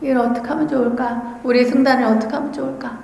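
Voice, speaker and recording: A woman's voice: high voice, fairly even intonation, fast, vocal fry, a little mellow. A woman voicing a worried elder male monk who earnestly thinks about how to lead the community. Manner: anxious, earnest deliberation. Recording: echoey large dharma hall.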